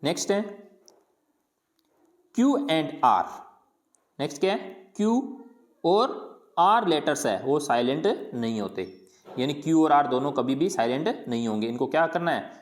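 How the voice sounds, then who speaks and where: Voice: mid-range voice, lively intonation, moderate pace, long pauses. A teacher giving a patient pronunciation lesson, asking a question and then answering it, and repeating each word several times. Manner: colloquial, patient drilling of words. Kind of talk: explanatory lesson.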